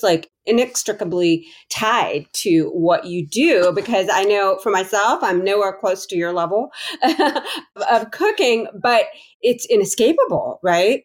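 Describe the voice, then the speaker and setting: Woman host, middle pitch, warm and measured interviewer. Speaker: podcast host. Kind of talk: interview hosting.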